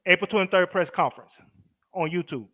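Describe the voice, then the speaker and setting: Easygoing male co-host, bright and a touch high-pitched. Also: brisk. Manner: easygoing, hesitant, lots of fillers. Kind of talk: casual live-stream chat.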